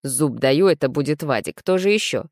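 A woman's voice: low voice, animated, normal speed, a little mellow, dry recording, clean studio sound. Woman reading a wry young hero.

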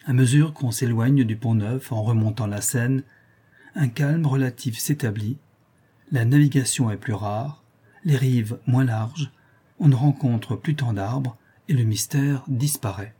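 A man reads a classic novel aloud at a measured, even pace. His voice is warm and mellow, with a slight huskiness, and he speaks the characters' lines without big changes of voice. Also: medium pitch, breathy edge. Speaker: audiobook narrator. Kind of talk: scripted narration of a novel.

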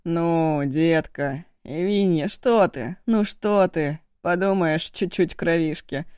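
A woman voicing a cocky, mischievous young man in an audiobook, shrill and fast-talking when cornered. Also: a little mellow, smooth, no room sound, studio quality. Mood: coaxing.

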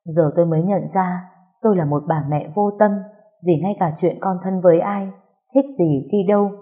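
A woman's voice: fairly low pitch, moderate pace, warm tone. A woman reading a first-person story aloud, earnest and emotional. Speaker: story narrator. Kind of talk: first-person audiobook narration.

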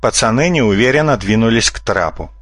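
A man reading a humorous children's storybook aloud as narrator in an even, storytelling manner. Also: mid-range voice, a little fast, no room sound. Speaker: audiobook narrator. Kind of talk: scripted narration.

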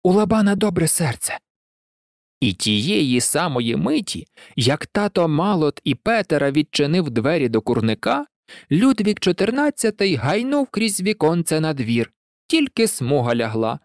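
An audiobook narrator reading a children's story in an expressive, lively way. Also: mid-range voice, measured pace, no echo, clean studio sound.

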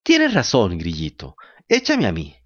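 A man's voice: wildly swooping pitch, a little slow, slightly rough, highs cut off, exaggerated voice. A man voicing an eager wooden puppet boy who pleads and gets tearful, in a storybook reading. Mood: emotional. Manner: high, bright and pleading.

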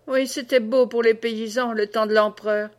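A woman's voice: fairly high pitch, fairly even intonation, moderate pace, close to an everyday voice. A woman voicing a grave old peasant man recalling hard times, in her near-natural voice. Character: old peasant man, bitter about past.

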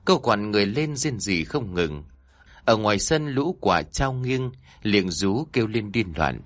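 A man narrating a scripted horror story in a dramatic, expressive way. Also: on the low side, measured pace, no echo.

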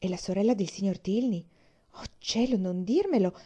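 A woman's voice: medium pitch, normal speed, dark tone, husky, close to an everyday voice. A woman reading aloud and voicing a gushing, theatrical young woman in an audiobook. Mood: effusive.

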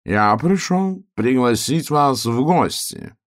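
A man voicing a pompous male rooster who speaks slowly and solemnly. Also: mid-range voice, lively intonation, voice pushed up. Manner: slow, solemn, drawn out.

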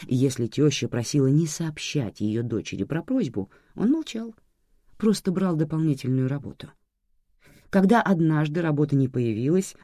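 Animated storyteller, dry close sound. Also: mid-range voice, no echo. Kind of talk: scripted story narration.

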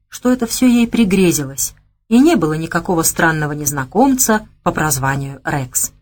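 Woman reading a thriller audiobook, calm and even, lowish voice. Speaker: audiobook narrator. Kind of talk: scripted narration.

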